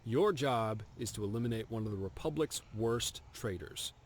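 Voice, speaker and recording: A man's voice: lowish voice, lively intonation, normal speed, slight background noise, lightly acted. An actor playing a stern male military officer who hands out a kill contract in a formal, clipped, contemptuous way. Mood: stern briefing. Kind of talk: video game dialogue.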